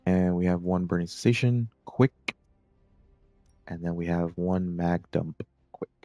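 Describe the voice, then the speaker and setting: A man giving relaxed, rambling commentary while playing a video game, with plenty of filler words. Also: sits low, a little slow, highs cut off. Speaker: gameplay commentator. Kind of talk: casual gameplay commentary.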